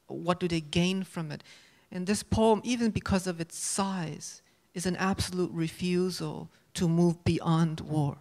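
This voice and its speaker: A man moderating a stage panel, speaking in a measured, deliberate academic way into a handheld mic. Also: high-pitched, fairly even intonation, a little mellow. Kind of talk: poetry reading and interview question. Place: auditorium stage.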